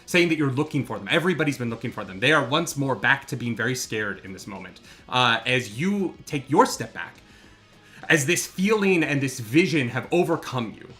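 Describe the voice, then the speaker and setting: A game master narrating a live tabletop game in a halting, descriptive way. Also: mid-range voice, animated, a bit bright. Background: faint background music.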